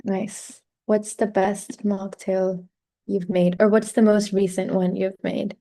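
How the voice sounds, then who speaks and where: A woman's voice: mid-range voice, level tone, slow, dark tone. A woman hosting an online group session over a video call. She talks in a casual, friendly way and uses a lot of filler ums. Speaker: host.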